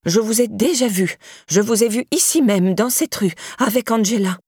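A woman voicing a suspicious, curt elderly female neighbor in an audiobook, with a sharp, accusing manner. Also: medium pitch, moderate pace, breathy edge, no room sound, clean studio sound, pitched above the performer's own voice, natural voice. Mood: insistent. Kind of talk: audiobook character voice.

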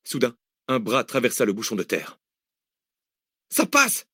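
A man reading an adventure novel aloud in a steady storytelling voice. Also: medium pitch, a little fast, slightly rough, dry recording, studio quality. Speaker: audiobook narrator. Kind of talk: scripted narration.

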